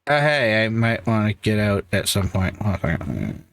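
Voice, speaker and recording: A man's voice: lowish voice, big pitch swings, normal speed, creaky, fairly bright tone, slight background noise. A man with a New England accent, talking to himself in a dry, wry way while playing a game. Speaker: gameplay streamer. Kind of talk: casual gameplay commentary.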